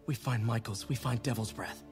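A man playing an earnest, quick-witted young superhero in a video game, muttering casually to himself. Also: mid-range voice, faint music behind, natural voice. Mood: focused.

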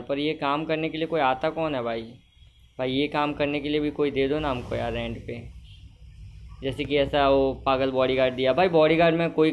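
A young man giving casual commentary on his own gameplay, chatty and talking to himself, at times loud and scolding at the game characters. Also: medium pitch, a little hiss or hum. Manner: chatty, talks to himself, keeps saying brother. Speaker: gamer.

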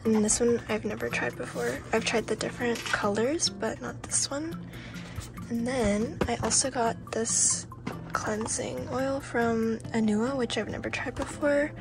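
A young woman around eighteen, chatting casually to her phone camera in a student vlog, soft-spoken and giggly. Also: on the high side, steady tone, a little slow, gravelly. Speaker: student vlogger. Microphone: phone held at arm's length. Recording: music playing loudly over the voice. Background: background music.

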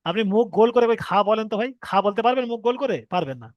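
A man's voice: high-pitched, lively intonation, rapid-fire, no echo, dull audio. A man teaching how to read Arabic letters, patiently repeating each point, drawing out example sounds and asking if students follow. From Bengal. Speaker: Quran reading teacher. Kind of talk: online Arabic letters lesson.

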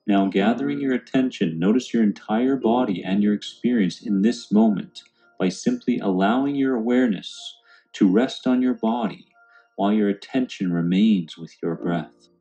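A man guides a meditation in a calm, soothing, unhurried way, with music playing behind him. His voice is fairly low and the audio sounds dull.

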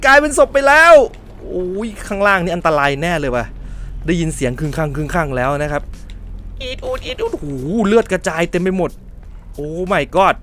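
A man hosting a let's play, giving polite, chatty running commentary and often shouting out in surprise. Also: on the high side, slight background noise. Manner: excitable, quick to shout in surprise. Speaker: gaming channel host.

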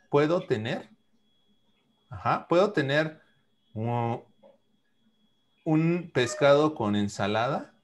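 A man teaching English to children in an online class over a video call, speaking slowly and patiently, repeating and spelling out phrases. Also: medium pitch.

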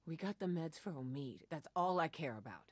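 A woman's voice: low voice, expressive, a little fast, a little mellow, husky. An actress playing a guarded, stoic woman survivor in a video game drama. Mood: guarded, curt.

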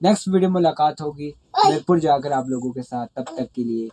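A man's voice: fairly high pitch, fairly quick, slight background noise, rough recording. A young man from Pakistan chatting casually in a village vlog, then signing off to viewers. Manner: excited, laughing, talks over friend. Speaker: vlogger.

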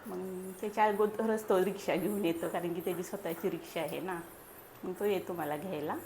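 A young woman from Maharashtra chatting casually at home in a family vlog, a mother who coaxes her baby in high sing-song bursts. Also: steady tone, brisk, a little mellow, a little hiss or hum. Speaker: vlogger and mother. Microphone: small clip mic.

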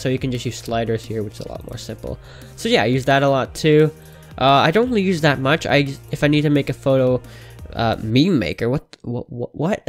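A man with a nasal, pinched-nose voice casually narrating a software tutorial in an informal, enthusiastic way. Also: medium pitch.

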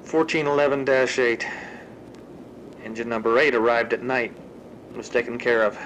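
For a horror fan drama, a man lightly acts the part of a researcher who coolly logs grim monster experiments, reading scripted audio-log narration in a terse, clinical way. His medium-pitched voice is steady, fairly bright, and moderately paced. The rough recording has a little hiss or hum.

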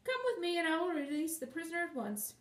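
A woman's voice: big pitch swings, fast. A woman doing a vain, imperious princess. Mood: airy. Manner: imperious and shrill. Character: haughty vain princess, quick to fury. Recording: roomy and distant.

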